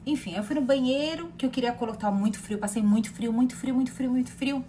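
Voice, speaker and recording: A woman in her thirties with a Brazilian accent, a therapist telling a personal story in a rambling, animated way with many fillers and repeated words. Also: sits high, quick pace, a little hiss or hum. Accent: Brazilian Portuguese. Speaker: therapist sharing personal experience.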